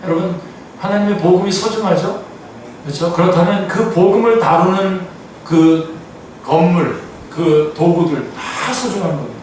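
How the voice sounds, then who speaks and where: High-voiced pastor in an echoey church. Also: male voice, normal speed, a little mellow, a little hiss or hum. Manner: reads scripture aloud then explains it, asks the congregation questions. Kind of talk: afternoon Bible study sermon. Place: church sanctuary. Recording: echoey church hall, mic from far off.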